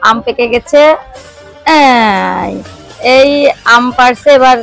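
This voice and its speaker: A woman's voice: on the high side, takes it slowly, creaky, a bit bright, soft background music. A woman vlogger coaxing and cooing in affectionate baby talk as she feeds and plays. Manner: sing-song, affectionate coaxing.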